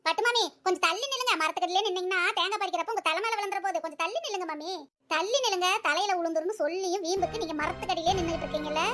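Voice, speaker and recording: A woman's voice: very high voice, racing, few pauses, a bit bright, faint music behind. A woman voicing a young, newly married daughter-in-law who is polite on the surface and spiteful underneath. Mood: sly. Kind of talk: cartoon voice acting.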